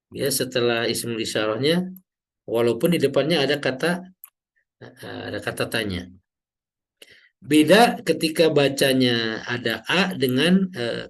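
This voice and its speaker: A man teaching Arabic grammar in an online class, explaining slowly and drawing out example words, often checking in with "ya". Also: mid-range voice. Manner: slow, drawn-out teacher's explanation with frequent "ya" checks.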